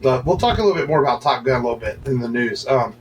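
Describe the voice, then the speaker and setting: A man's voice: mid-range voice, lively intonation, quick pace, slight background noise, rough recording. Rambling man on a podcast. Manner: rambling, many fillers and restarts. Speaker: podcast co-host. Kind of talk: casual podcast chat.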